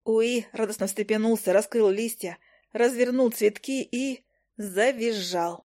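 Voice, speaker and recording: A woman narrates a first-person fantasy audiobook in a lively, expressive reading. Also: fairly high pitch, a little slow.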